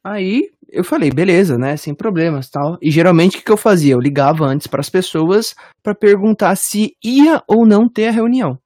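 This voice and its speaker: A man's voice: high voice, moderate pace, hardly any pauses, darkish tone, no echo, studio quality. Man chiming in on a podcast. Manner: brief jokey interjections. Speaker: podcast co-host. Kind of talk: casual chat.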